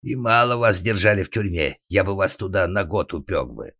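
A man voicing a suspicious, blustering male organ grinder who shouts accusations in an audiobook. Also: low-pitched, moderate pace, vocal fry, no room sound, heavily acted. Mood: angry. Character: drunken, suspicious, bullying middle-aged male organ grinder. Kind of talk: audiobook character acting.

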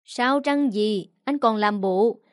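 A woman's voice: medium pitch, takes it slowly, dry recording, studio quality, natural voice. A woman voicing a scolding, sarcastic middle-aged mother-in-law in a read story. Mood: scornful.

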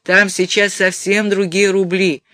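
A man voicing a tired, patient grown son in an audiobook, speaking in a measured, muttering way. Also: high voice, level tone, pushed and bright, no echo, clean studio sound. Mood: weary. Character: weary patient adult son, a detective. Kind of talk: audiobook character voice.

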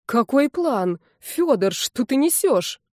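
A woman's voice: high-pitched, big pitch swings, takes it slowly, a little mellow, no room sound, studio quality, pitched above the performer's own voice, exaggerated voice. A woman reading an audiobook, voicing a middle-aged mother who scolds her grown children and pries with curiosity. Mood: alarmed.

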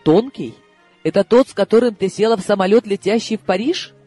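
A male reader voicing a bewildered, gruff middle-aged colonel in a storybook. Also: sits high, fairly quick, mellow, no room sound, soft background music, pitched above the performer's own voice. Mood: baffled.

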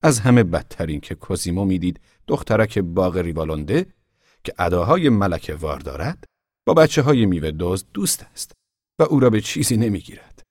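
A man narrating an audiobook in an expressive storytelling manner. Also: low voice, breathy edge, no room sound, studio quality. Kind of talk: scripted narration.

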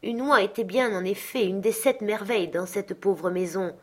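A woman narrating a classic story as an audiobook, with a lively, expressive reading. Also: mid-range voice, normal speed. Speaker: audiobook reader.

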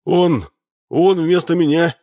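A man voicing an excitable, jilted young man who talks in raised, emphatic bursts. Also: a little high, takes it slowly, no room sound, clean studio sound, voice pushed up. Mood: indignant.

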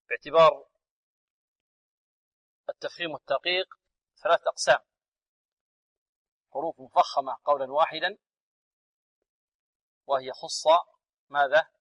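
A man teaching Quran recitation on a radio lesson. He chants verses slowly, then explains the rules, asking his students questions and answering them himself. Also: fairly high pitch, fairly bright tone, low-quality recording.

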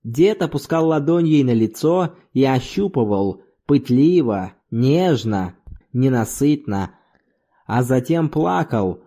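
A man reading a novel aloud as an audiobook narrator, expressive and measured. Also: mid-range voice. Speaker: audiobook reader. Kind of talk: literary narration.

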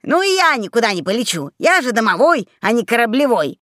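A woman's voice: on the high side, big pitch swings, fairly bright tone, no room sound, studio quality. A woman voicing a cunning little male house spirit in a storybook reading, talking slyly. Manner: sly, quick-witted.

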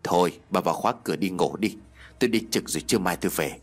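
A stubborn village husband in a spoken ghost story, gruff and quick to scold, as the narrator voices him. He brushes off every worry in a low, curt voice. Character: stubborn middle-aged village husband, dismissive.

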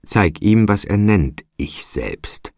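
Dark shadow spirits speak as one, voiced by a man in a grave, ominous storybook reading. The voice is low and husky, and the recording is dry and close. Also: very animated, slow, no echo, heavily acted. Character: chorus of dark ghostly shadow figures. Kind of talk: audiobook character voice.

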